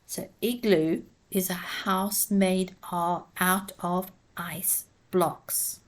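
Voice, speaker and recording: A woman's voice: on the low side, fairly even intonation, very slow. A woman teaching pronunciation, carefully spelling words out letter by letter. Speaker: English teacher. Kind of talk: slow, careful pronunciation lesson.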